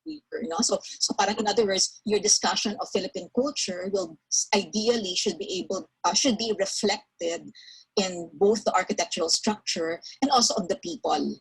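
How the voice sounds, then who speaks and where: A woman's voice: mid-range voice, animated, brisk, vocal fry, slightly rough, low-quality recording. A woman professor, advising a student in rambling casual talk that mixes English and Tagalog. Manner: rambling, self-interrupting, switches between English and Tagalog. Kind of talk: casual Taglish advising chat.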